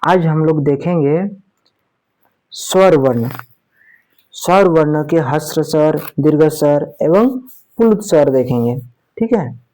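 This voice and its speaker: A Sanskrit teacher gives a spoken grammar lesson. The teacher often asks a question and then answers it, keeps checking in with "theek hai", and draws out example sounds slowly. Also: medium pitch, lively intonation, dark tone.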